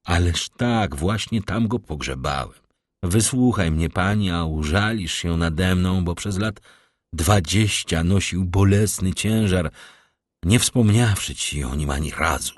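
A man voicing a grave, tormented middle-aged prosecutor in an audiobook, speaking slowly and measuredly. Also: deep voice, no echo, clean studio sound. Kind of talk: audiobook character reading.

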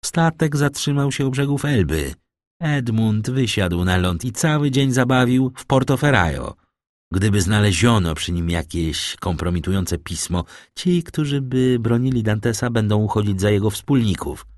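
A sly male ship's agent, persuasive and calculating, put on by a man reading an audiobook. The voice sits low and moves widely in pitch. The sound is dry and close. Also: lively intonation, moderate pace, dry recording, close to an everyday voice. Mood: menacing.

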